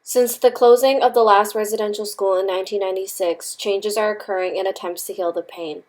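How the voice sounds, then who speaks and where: A woman's voice: mid-range voice, fairly even intonation, brisk, a little mellow. A young woman reading a scripted documentary narration in an earnest, read-aloud way. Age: young adult. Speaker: student narrator. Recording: music bed under voice.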